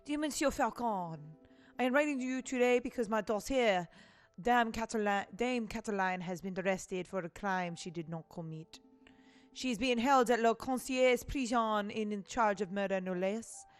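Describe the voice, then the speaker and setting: A woman voicing a dignified falcon gentleman lawyer in a put-on French accent, reading formally and theatrically for a game. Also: medium pitch, moderate pace, faint music behind, close to an everyday voice. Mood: formal, grave. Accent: mock French, put on.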